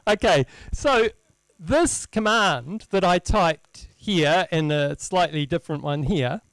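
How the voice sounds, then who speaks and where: A man presenting an informal live technical demo, halting as he thinks aloud, with wry, self-deprecating humour. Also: high-pitched, clear, resonant tone, no room sound, rough recording. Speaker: presenter at a tech meetup. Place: indoor lecture room, presenting at a screen. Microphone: handheld microphone.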